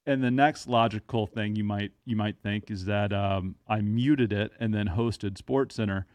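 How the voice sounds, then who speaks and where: A man's voice: fairly low pitch, steady tone, a little slow, a little mellow, no room sound. A man in his thirties hosting a podcast in casual chat, with dry, self-mocking humor. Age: 30s. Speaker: podcast host.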